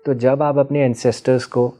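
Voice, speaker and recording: A man with a medium-pitched, dark voice speaks in a level tone at a moderate pace, with soft background music behind him. As the guest expert on ancestral healing, he talks in Hindi peppered with English terms, explaining patiently like a teacher and frequently asking checking questions.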